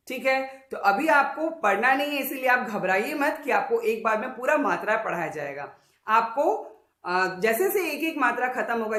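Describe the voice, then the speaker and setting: A woman teaching children, sounding out words slowly and syllable by syllable. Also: a little high, a bit bright, reverberant, poor audio. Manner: drawn-out, syllable-by-syllable word demonstrations. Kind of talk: Hindi lesson for children.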